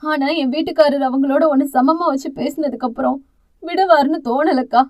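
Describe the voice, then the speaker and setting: A woman's voice: high voice, fairly quick, darkish tone, lightly acted. A woman voicing a grieving, fearful mother who laments through tears, in an audio novel. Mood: anguished. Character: anguished mother, weeping and fearful.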